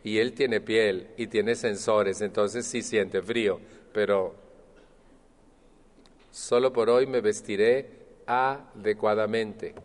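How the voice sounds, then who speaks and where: A man speaking to a support group, animated and acting out others' voices. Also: on the low side, takes it slowly. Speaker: Al-Anon speaker. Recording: long hall reverb.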